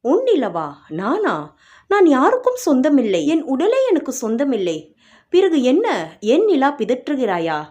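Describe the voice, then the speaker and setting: A woman's voice: sits high, wildly swooping pitch, a little mellow, exaggerated voice. A woman voicing a defensive young woman who fires off question after question. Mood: wary. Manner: questioning, defensive, quick to bristle. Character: wary, sharp-tongued young woman.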